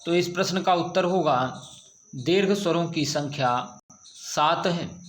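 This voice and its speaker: A man's voice: a little high, slow, a little hiss or hum. A male teacher giving a grammar lesson to students, patiently asking questions and answering them himself. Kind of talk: slow classroom grammar lesson. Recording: echoey room.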